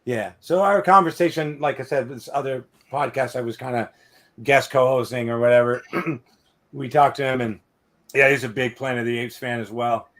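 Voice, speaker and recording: A man's voice: mid-range voice, steady tone, normal speed, fairly bright tone. A man, hosting a podcast and telling rambling anecdotes full of filler tags. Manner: rambling, many "or whatever" tag-ons. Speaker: podcast host. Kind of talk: casual storytelling chat.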